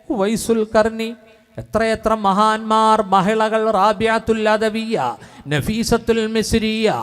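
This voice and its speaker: A man preaching a sermon, chanting Arabic quotations slowly and melodically before explaining them. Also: sits high, clean tone. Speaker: Islamic preacher.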